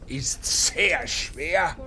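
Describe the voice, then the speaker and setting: An actor playing a hesitant family man in a radio play, with a drawn-out way of talking. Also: a little high, lively intonation. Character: hesitant, slow family man, Gustav Auer.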